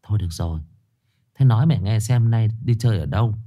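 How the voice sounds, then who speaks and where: A man's voice: fairly low pitch, fast, dark tone, highs cut off, lightly acted. A man voicing a village mother who scolds her young daughter sharply. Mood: softened.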